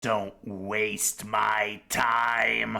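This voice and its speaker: Man doing a gravelly, slow, suspicious street dealer. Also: fairly low pitch, flat delivery, sharp tone, voice pushed down, heavily acted. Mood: wary, curt. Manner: terse, wary drawl. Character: curt, suspicious male street drug dealer.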